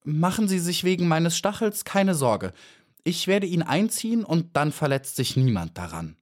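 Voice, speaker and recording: A man voicing a brave, proud little female bee in a storybook reading, with a high, eager, earnest voice. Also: expressive, measured pace, close to an everyday voice. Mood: pleading.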